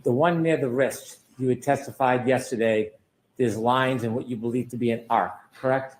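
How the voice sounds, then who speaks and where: A man's voice: medium pitch, steady tone, normal speed, a little mellow, a little hiss or hum, poor audio. A man cross-examining a witness in a courtroom as a lawyer, pressing and sceptical, often ending statements with pointed tag questions.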